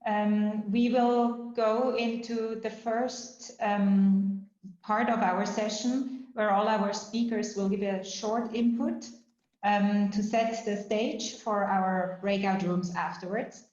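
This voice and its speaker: A woman's voice: mid-range voice, steady tone, takes it slowly, darkish tone. A woman hosting an online workshop, explaining the steps in an orderly way with frequent um fillers. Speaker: workshop moderator. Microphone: video call. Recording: roomy, slightly dull video call audio.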